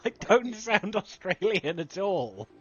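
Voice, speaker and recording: A southern English man chatting casually while he streams a game. His voice is husky yet bright and forceful, with a lively, swinging pitch. He swears freely and laughs easily, heard through slightly dull, lo-fi audio. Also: takes it slowly. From southern England. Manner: laid-back, swears a lot, laughs often. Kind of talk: casual chat while gaming.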